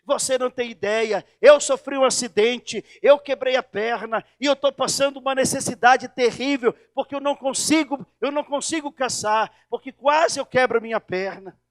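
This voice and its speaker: A pastor putting on a cunning female fox in a pulpit fable, pleading in a high, strained tone. She feigns injury to beg, and her voice reads dry and close. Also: moderate pace, few pauses, dry recording. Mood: wheedling. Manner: pleading, then threatening.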